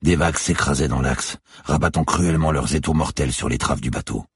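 Brief: very low, gravelly male reader with a husky edge, dry close mic, somber thriller narration. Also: fairly quick, dry recording. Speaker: audiobook narrator.

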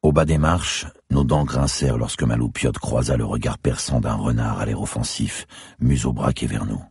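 An audiobook narrator reads a dark crime thriller in the first person, keeping a measured, descriptive pace. His voice is extremely deep and gravelly, strongly husky in texture. The recording is close and dry, with no room sound.

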